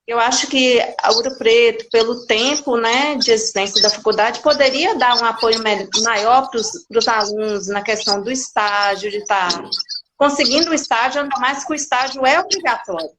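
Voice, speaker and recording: A woman's voice: on the high side, normal speed, noisy background. A woman in her forties from Minas Gerais, a guest chatting candidly in an interview, often restarting her sentences. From Minas Gerais, Brazil. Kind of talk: casual interview chat.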